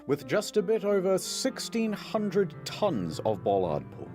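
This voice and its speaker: A man narrating a comedy documentary, his pitch leaping around as he builds mock drama. His delivery is dry and theatrical at once, with faint music underneath. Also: a little mellow.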